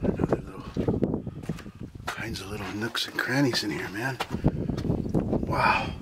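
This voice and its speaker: A man giving casual running commentary while exploring, with excited exclamations that drop to a hush in tight spots, recorded outdoors on a handheld camera. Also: fairly low pitch, a little slow. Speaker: vlogger exploring a canyon. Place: outdoors in rock canyons and caves. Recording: outdoor noise on camera mic.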